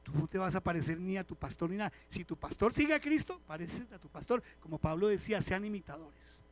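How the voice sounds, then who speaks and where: A middle-aged pastor preaching to his congregation, his voice sitting unusually high for a man. He keeps it lively and conversational, telling funny stories and peppering the pews with questions. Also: a little fast. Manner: animated and chatty, with humorous stories and direct questions to the congregation. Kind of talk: live church sermon. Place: church service before a congregation.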